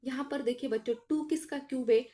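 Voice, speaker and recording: A woman's voice: sits high, a little fast, mellow. Woman explaining a math lesson. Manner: explains aloud, asks the class questions and answers them herself; addresses students as children. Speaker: math teacher.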